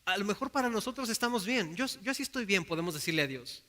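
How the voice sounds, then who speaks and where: A man's voice: high-pitched, animated, quick pace, bright, forceful tone. A man with a Mexican Spanish accent preaching a sermon in an earnest way, acting out the people in his Bible stories.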